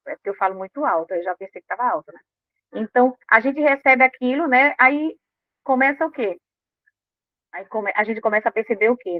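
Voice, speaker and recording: A woman's voice: mid-range voice, no echo. Woman talking over a tinny line. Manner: animated, acts out quoted inner voices. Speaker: speaker on emotional health. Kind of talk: informal talk to a live audience. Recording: dry, tinny phone-like sound.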